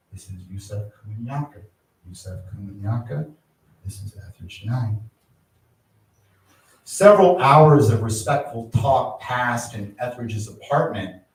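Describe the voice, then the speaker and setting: Older male poet, live memoir reading, measured delivery with sudden dramatic lifts, heard from a distance in a very reverberant space. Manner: measured storytelling with dramatic swells of pitch and volume. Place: art space, live event. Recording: very echoey room, voice from far off.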